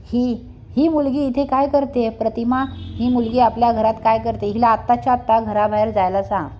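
A woman voicing a furious wealthy father who scolds and shouts as the stern head of the house. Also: fairly high pitch, fairly even intonation, normal speed, a little hiss or hum, natural voice. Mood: angry scolding.

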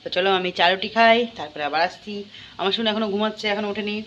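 A woman talks to her viewers in a relaxed, chatty vlog. Her voice sits at a middling pitch, and she speaks straight to the camera. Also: racing, highs cut off, slight background noise. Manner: chatty, talking directly to viewers. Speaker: vlogger. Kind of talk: casual vlog narration to camera.

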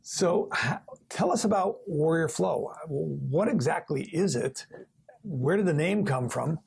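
A man's voice: fairly high pitch, animated, a little slow, creaky, darkish tone, slightly rough. An older man hosting a studio interview, chatty, with frequent fillers. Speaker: talk show host. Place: TV studio set.

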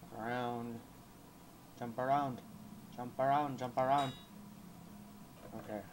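A man playing a horror game and commenting as he goes, swearing a lot and yelping and shouting when he gets scared. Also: medium pitch, steady tone, slow pace, slight background noise. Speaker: gaming YouTuber.

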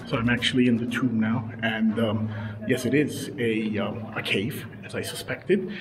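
Out at desert ruins and a rock canyon, a travel vlogger in his thirties speaks to a camera held at arm's length, casual and chatty but hesitant, with plenty of fillers. His mid-range voice keeps a steady tone at normal speed. Music plays over the clip.

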